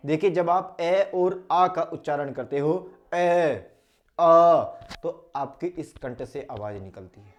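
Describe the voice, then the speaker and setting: A man teaching an online Hindi lesson, demonstrating each vowel sound slowly and aloud, and asking questions he then answers himself. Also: fairly high pitch. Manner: drills sounds aloud, asks and answers his own questions.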